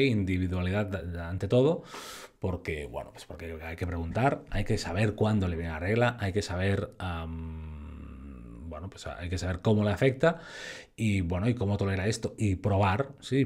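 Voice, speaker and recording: A man giving a live-streamed training lecture, lively and full of fillers, often checking in with his listeners. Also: sits low. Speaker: fitness trainer and educator.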